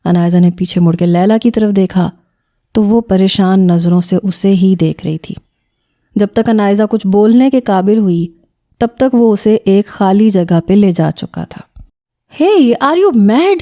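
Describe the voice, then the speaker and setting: A woman narrating a romance novel in a steady, even storytelling voice. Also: medium pitch. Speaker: audiobook narrator. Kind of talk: scripted narration.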